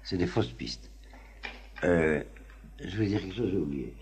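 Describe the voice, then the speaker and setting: Low raspy guy teaching talmud class, lots of euh and restarts, voice swings up and down. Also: animated, darkish tone. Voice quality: very husky voice. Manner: halting, many fillers and restarts, chuckles often. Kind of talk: informal lecture to a class.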